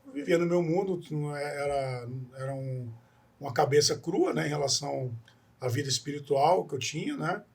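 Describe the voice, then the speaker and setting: With a husky, higher-pitched yet darkish-toned voice and a moderate pace, this podcast guest from Espírito Santo, Brazil, tells the story of his life in an interview. He's earnest and long-winded, often starting over and tagging phrases with a questioning aside.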